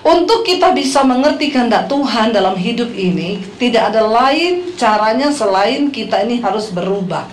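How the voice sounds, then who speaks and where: A middle-aged woman pastor with an Indonesian accent, preaching a lively, humorous sermon full of stories and questions to the congregation. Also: on the high side, normal speed, few pauses. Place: church hall. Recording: echoey hall with faint noise.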